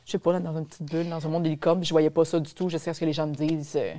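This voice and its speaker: Low mellow Québécois woman, reflective. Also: little pitch movement, rapid-fire. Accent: Québécois French. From Quebec. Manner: reflective, candid, with frequent fillers. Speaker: podcast guest. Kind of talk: casual podcast conversation.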